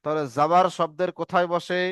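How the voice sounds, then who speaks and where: A man's voice: high-pitched, flat delivery, quick pace, a bit bright, clean tone, no room sound, clean studio sound. A man teaching Arabic reading marks to students, patiently repeating drills and checking that everyone follows. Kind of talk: online Arabic letter lesson.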